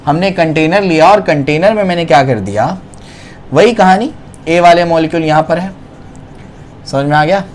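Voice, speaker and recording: Male chem teacher, bit high voice, keeps asking "clear hai?" and answering his own questions. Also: moderate pace, long pauses, slight background noise. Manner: repeats questions and answers them himself, keeps checking understanding; uses everyday home examples. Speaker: chemistry teacher. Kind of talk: classroom lecture.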